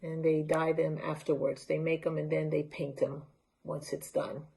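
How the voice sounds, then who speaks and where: A woman's voice: deep voice, flat delivery, normal speed, gravelly, warm tone. A woman from Honduras, presenting handmade crafts in a casual, unscripted show-and-tell talk and holding pieces up to the camera. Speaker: library art talk presenter.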